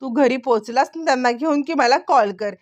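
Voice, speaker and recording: A polite young man checking on others in a concerned voice, as a woman storyteller puts him on. The voice sits high. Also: normal speed, natural voice. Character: young man, caring son and husband.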